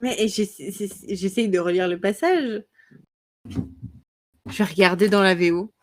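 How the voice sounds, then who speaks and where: A woman co-hosting a casual podcast chat, giggly and quick, often breaking off mid-sentence. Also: mid-range voice, slight background noise. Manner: giggly, quick, easily distracted. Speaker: podcast co-host.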